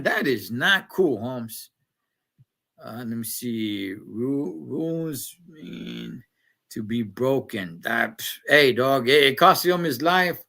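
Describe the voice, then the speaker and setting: A man, casually recapping a TV episode and chatting with viewers in slangy, animated talk. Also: mid-range voice, creaky. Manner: slangy, animated, talks to chat. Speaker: show recap host.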